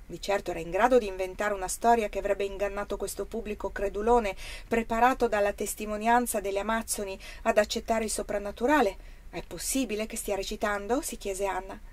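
A woman reading a novel aloud in a measured, expressive narration. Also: medium pitch. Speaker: audiobook reader. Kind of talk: scripted narration.

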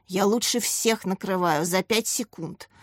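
A woman's voice: medium pitch, unhurried, no echo, studio quality, lightly acted. Woman doing a cocky schoolboy. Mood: bragging. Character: bold chatty boy pupil Dima.

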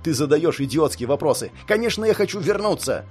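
A man's voice: medium pitch, expressive, moderate pace, darkish tone, faint music behind, natural voice. A man voicing a furious young dragon-like monster man who roars, snarls and laughs in fits. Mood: furious roaring. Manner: roaring, snarling, laughing hysterically.

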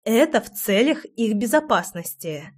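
A woman's voice: a little high, big pitch swings, measured pace. A woman voicing a playful, curious young woman who coaxes and teases in an audiobook scene. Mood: teasing. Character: lively teasing young woman, curious meddler.

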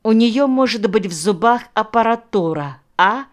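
A woman's voice: on the high side, animated, normal speed, voice pushed up, close to an everyday voice. A woman reading the lines of a fussy, suspicious male village official who keeps pressing his point. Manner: insistent, officious.

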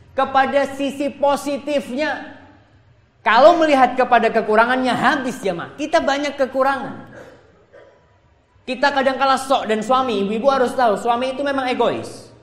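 A man giving an animated sermon to a congregation, swinging between loud exclamations and soft asides. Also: a little high. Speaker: preacher. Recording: echoey hall recording.

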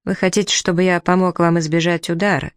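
A man voicing a calm young male country doctor who speaks gently and soothingly, in a storybook reading. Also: sits high, quick pace, clean tone, no room sound, studio quality.

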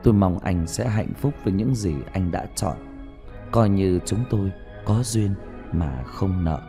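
A man reading a first-person story aloud in a slow, emotive, mournful narration. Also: low voice. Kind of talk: dramatic audiobook narration. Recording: soft music bed behind.

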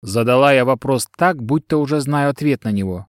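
A man's voice: medium pitch, fairly quick, no room sound. Man narrating an audiobook, dry sound. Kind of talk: scripted narration of a detective novel.

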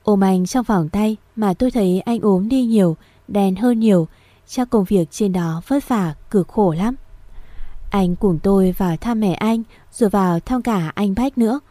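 A woman reading a first-person story aloud in a steady, gentle storytelling manner. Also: mid-range voice, a little slow, dry recording. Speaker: audiobook narrator.

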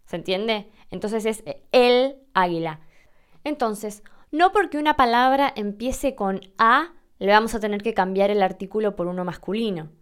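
Argentine woman podcast host, smooth resonant voice, patient step-by-step teacher. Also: medium pitch, moderate pace. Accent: Argentine Spanish. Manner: clear, patient, explains step by step. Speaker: podcast host answering listener questions. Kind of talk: explanatory language lesson.

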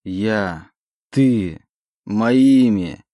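A man's voice: mid-range voice, lively intonation, a little fast, darkish tone, dry recording, studio quality, pitched above the performer's own voice, lightly acted. A man voicing a withdrawn young orphan in an audiobook, his voice strained and raised. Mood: despairing. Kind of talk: audiobook reading.

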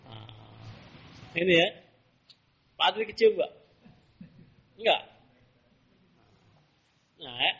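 Husky high-voiced man teaching a class. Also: very animated, takes it slowly, long pauses, pushed and bright. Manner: quizzing students with rhetorical questions. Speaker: Islamic teacher. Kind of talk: classroom religious lesson. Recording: dull lo-fi lesson recording.

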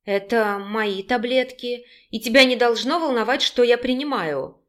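A woman reading an audiobook and voicing a frightened but defiant young woman who talks in a high, strained voice and shouts. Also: unhurried, close to an everyday voice. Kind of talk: audiobook character voice.

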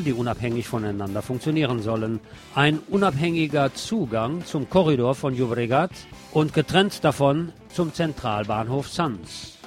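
Over background music, a radio show host delivers scripted local news mixed with his own opinionated commentary. He has a mid-range, darkish-toned voice.

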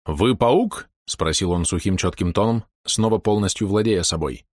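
A man reading a novel aloud in a measured, dramatic narration. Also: low-pitched, no echo, clean studio sound. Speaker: audiobook reader. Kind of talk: scripted narration.

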